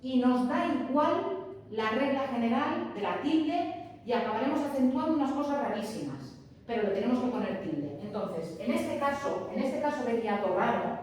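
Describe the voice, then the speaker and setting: A woman's voice: fairly high pitch, expressive, normal speed, darkish tone, recorded from a distance. Woman teacher in an echoey hall. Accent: Spain Spanish. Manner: patient, emphatic, checks in with students. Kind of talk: classroom grammar lesson.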